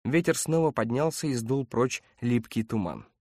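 A man narrating an audiobook with a steady, even reading. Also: medium pitch, moderate pace, dry recording, studio quality. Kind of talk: scripted narration.

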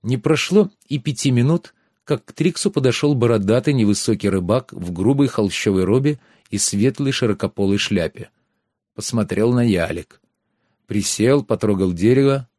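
A man narrating a fantasy audiobook in a measured, savoring way, slowing down on descriptive images. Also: mid-range voice, mellow, dry recording, clean studio sound.

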